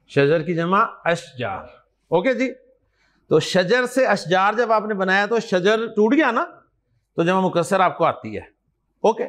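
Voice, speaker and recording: A male teacher lecturing a class, drilling pairs of words with his students in call and response. His voice sits high and swings widely in pitch, and he keeps urging the class along. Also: a bit bright. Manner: encouraging, addresses students directly. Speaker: Arabic teacher.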